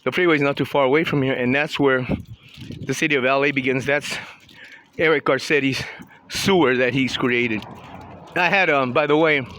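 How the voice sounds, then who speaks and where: A man's voice: medium pitch, steady tone, moderate pace, bright, forceful tone, rough recording. A man in his sixties from Southern California, chatting in a rambling, opinionated way with many restarts as he walks around a town outdoors. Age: 60s. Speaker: vlogger. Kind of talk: casual walking commentary. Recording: outdoor street noise with passing traffic.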